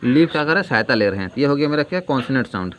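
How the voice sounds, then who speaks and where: A male grammar teacher giving a lesson, asking questions and answering them himself and repeating key terms slowly. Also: medium pitch, animated, fairly bright tone. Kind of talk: classroom-style grammar lesson. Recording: dull lo-fi sound with faint noise.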